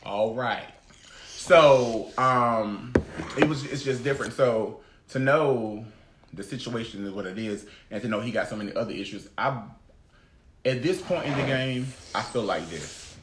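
A man's voice: medium pitch, a little slow. Blunt thirtysomething man, echoey room. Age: 30s. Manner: blunt, emphatic, swears freely. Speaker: podcast host. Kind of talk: casual roundtable chat. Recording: echoey room with faint noise.

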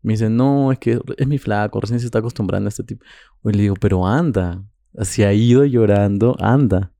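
A man with a lowish, mellow voice tells a long story in a casual podcast, rambling and giggling between fillers. The sound is dry and close. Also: fairly quick, gravelly, dry recording. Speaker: podcast co-host.

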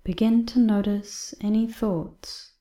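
A woman reading a guided breathing exercise in a soft, calm voice that often drops to a half-whisper. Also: mid-range voice, slow pace, echoey room. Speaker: meditation guide.

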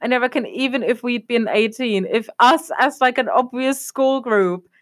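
A woman's voice: fairly high pitch, normal speed. A young adult woman from Germany chatting casually as a podcast co-host, rambling and leaning on fillers like "obviously.". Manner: rambling, leans on fillers like "obviously" and "a whole thing". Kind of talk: casual chat.

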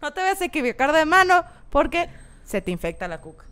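A woman's voice: high-pitched, very animated, brisk, a bit bright. A woman co-hosting a casual chat, joking crudely and bluntly. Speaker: podcast co-host.

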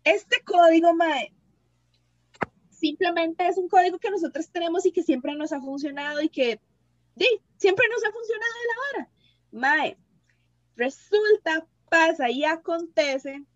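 A woman's voice: very high-pitched, expressive, unhurried, dry recording, dull audio. A young Costa Rican woman joining a casual chat, chatty and swearing casually. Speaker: podcast co-host.

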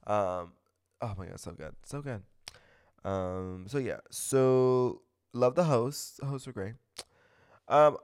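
A male podcast host with a lowish, smooth voice chats casually and gossipily. He sounds stuffy-nosed and makes gushing, opinionated comments.

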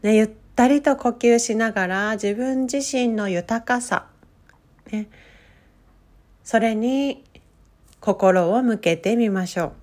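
A woman leads a guided breathing meditation as a relaxation coach. Her voice sits slightly high and moves very slowly. She gives gentle, soothing instructions, stretching out her phrases.

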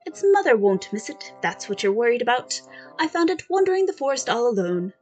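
A woman's voice: on the high side, very animated, a little fast, darkish tone, soft background music. A woman doing a childlike, pouting old king. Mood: playful, wheedling. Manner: pleading, wheedling, pouty. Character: whimsical childlike gray-haired man king.

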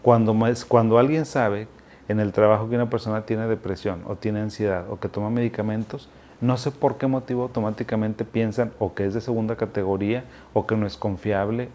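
A man's voice: fairly low pitch, steady tone, a little fast. A man, a mental health specialist, giving casual advice straight to the listener. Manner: warm direct second-person advice, with Mexican slang. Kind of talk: informal advice talk.

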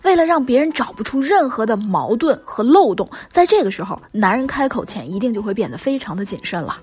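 A woman's voice: on the high side, very animated, brisk, a little mellow, husky. A woman coaching her listeners on relationships in a chatty, emphatic spoken lesson full of rhetorical questions.

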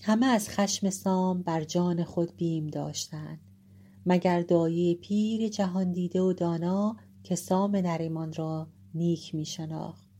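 A woman storyteller narrating an old epic with measured, dramatic pacing. Her voice sits low and sounds husky and mellow throughout. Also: steady tone. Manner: measured, dramatic, shifting pace for suspense. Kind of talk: expressive narration of an epic tale.

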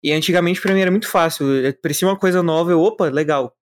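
A young man in casual podcast chat, talking fast and excitably, swearing loosely. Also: fairly high pitch. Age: young adult.

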